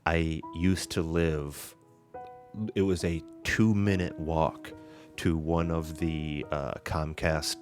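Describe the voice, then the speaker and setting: A man with a very low voice rants in a loose, profane podcast chat. He tells his grievances as long stories. Faint music plays underneath. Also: little pitch movement, slow. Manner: profane, ranting storyteller. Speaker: podcast co-host. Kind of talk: casual chat.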